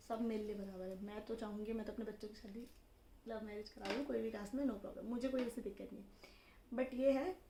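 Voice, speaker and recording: A young woman casually telling the story of how she met her husband, in a lively conversational way. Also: fairly high pitch. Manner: chatty, animated, acts out dialogue in quotes. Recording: roomy echo with faint background noise.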